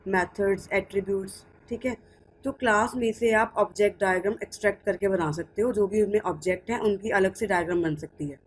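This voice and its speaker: A woman's voice: medium pitch, fairly quick, slightly rough, rough recording. A woman with an Indian English accent giving a lecture, switching between Hindi and English and answering her own questions. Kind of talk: classroom-style lecture.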